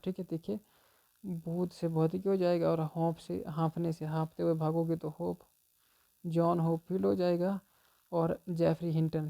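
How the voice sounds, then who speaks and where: Gravelly man with a flat drone. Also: fairly high pitch. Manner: repeats "theek hai" constantly, chatty and informal. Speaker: exam coaching teacher. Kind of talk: explaining memory tricks to students.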